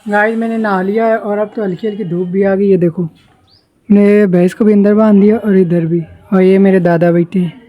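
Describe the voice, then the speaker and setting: A man's voice: high-pitched, fairly even intonation, brisk, lo-fi sound. A young man from India chatting casually to camera, explaining his village life to his viewers. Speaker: village vlogger. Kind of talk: casual vlog narration to camera. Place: village home, garden and roadside.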